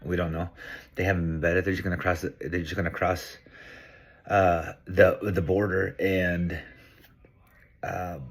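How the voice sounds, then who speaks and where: Low-voiced earnest man from Peru. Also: little pitch movement, unhurried, pauses often, breathy edge. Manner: earnest, reflective, thinking aloud. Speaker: vlogger. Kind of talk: casual monologue to camera.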